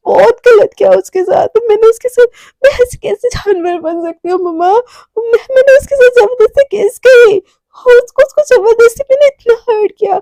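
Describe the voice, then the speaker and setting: A woman's voice: very high voice, mellow, no echo, studio quality. A woman voicing a heartbroken young woman who cries, stammers and pleads. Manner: stammering, pleading through sobs. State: crying.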